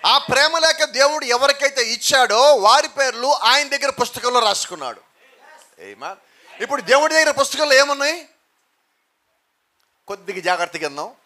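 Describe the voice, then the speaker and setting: A man's voice: very high voice, lively intonation, moderate pace, sharp tone. A man preaching a sermon, asking rhetorical questions and answering them himself, with emphatic repetition and cries of hallelujah and amen.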